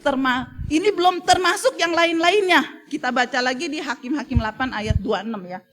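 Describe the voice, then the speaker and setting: A middle-aged woman preaching a sermon in an animated way, often turning to the congregation and rising to emotional peaks. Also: high voice, fairly quick. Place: church service streamed online.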